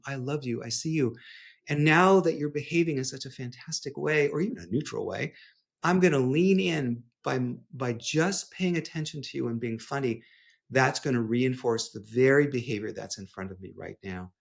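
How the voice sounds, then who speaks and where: Gravelly-voiced man explaining parenting. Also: fairly high pitch, a little fast. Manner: animated, playful storytelling with acted-out dialogue. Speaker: clinical psychologist, podcast guest. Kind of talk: conversational interview.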